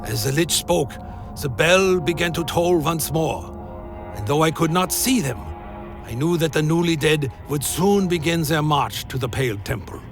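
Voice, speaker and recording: Male storyteller, solemn dark fantasy narration, gravelly edge, faint musical bed. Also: a little high, moderate pace, music in the background.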